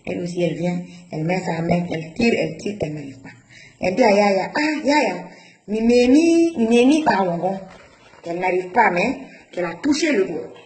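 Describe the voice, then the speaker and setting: A woman recounts a personal experience in a lively, emotional way and slips into the voices of the people she quotes. The room around her rings a little, with faint noise in the background. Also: fairly low pitch, fast talker, reverberant, poor audio. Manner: animated, acts out the dialogue of others. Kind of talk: emotional first-person storytelling.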